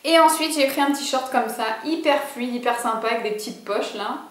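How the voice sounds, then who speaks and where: A woman's voice: sits high, fairly quick, fairly bright tone. Chatty young woman in an echoey room. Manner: chatty, bubbly, many fillers and asides. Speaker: vlogger. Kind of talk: casual clothing haul.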